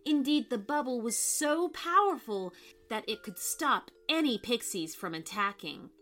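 A woman narrating a scripted children's story in an expressive, dramatic way. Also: a little high, a little slow. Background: background music.

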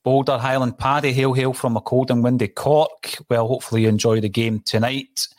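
A man's voice: mid-range voice, little pitch movement, brisk, darkish tone, dry recording, clean studio sound. A man with a broad Scottish accent hosting a conversational football podcast. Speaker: podcast host.

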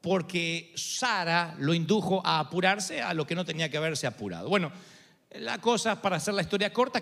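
A high-pitched male preacher delivers a dramatic, storytelling sermon that swells to emphatic peaks. His voice rings out with a long hall reverb. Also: fairly bright tone.

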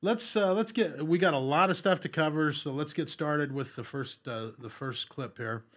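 A man's voice: on the high side, moderate pace, fairly bright tone. A man hosting a podcast in a casual, rambling way, with lots of fillers and restarts. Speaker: podcast host.

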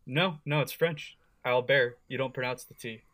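A young man in his twenties co-hosting a podcast, chatting casually with quick, quizzical banter. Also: mid-range voice, a bit bright. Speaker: podcast co-host. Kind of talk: casual chat.

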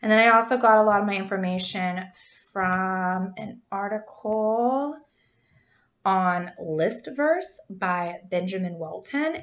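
With a medium-pitched, fairly bright voice, a woman in her thirties co-hosts a podcast and tells a true crime story in a casual, chatty way. She laughs often and stumbles over names.

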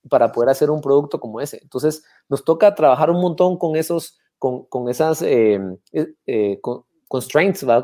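A Guatemalan man with a dark, mellow voice and a Guatemalan Spanish accent. He tells his story as a podcast guest in a casual, animated way, stumbling through restarts and fillers. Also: medium pitch. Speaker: brewery founder, podcast guest. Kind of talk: casual interview talk.

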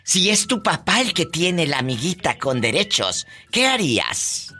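A woman's voice: deep voice, very animated, a little slow, pushed and bright. A woman hosting a comic call-in show, flamboyant, teasing and campy. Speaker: radio comedy host.

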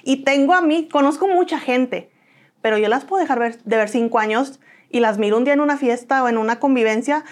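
Mexican woman being interviewed, telling her story, bit high voice, earnest. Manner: earnest, animated, acts out quoted voices. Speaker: guest.

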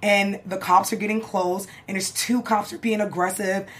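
A woman's voice: medium pitch, steady tone, normal speed. A woman co-hosting a casual group discussion, animatedly retelling scenes. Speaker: podcast co-host.

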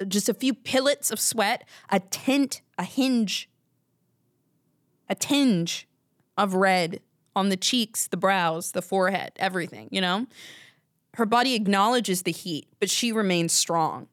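A woman's voice: mid-range voice, unhurried, no room sound, studio quality. A woman hosting a podcast alone, talking in a rambling, candid, casual way and swearing now and then. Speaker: podcast host. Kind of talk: casual solo chat.

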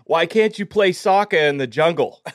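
A man's voice: a little high, lively intonation, normal speed, no echo, studio quality, pitched above the performer's own voice, lightly acted. A man telling a joke in a put-on Boston accent, hamming it up and laughing through the punchline. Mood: hammy.

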